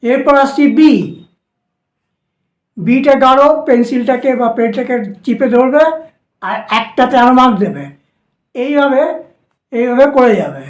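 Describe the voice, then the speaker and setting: A woman's voice: high voice, animated, a little slow, pauses often, echoey room. A woman with a Bengali accent, teaching shorthand strokes at a board and patiently repeating each step. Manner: instructive, repeats steps patiently. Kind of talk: whiteboard lesson for students.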